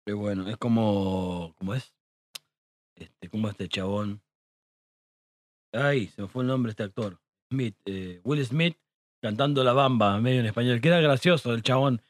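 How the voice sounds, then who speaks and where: A man's voice: mid-range voice, moderate pace, long pauses, no room sound. Argentine male co-host, mid voice, dry, swearing ranter. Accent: Argentine Rioplatense Spanish. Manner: foul-mouthed, emphatic ranting. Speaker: podcast co-host. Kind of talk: casual chat.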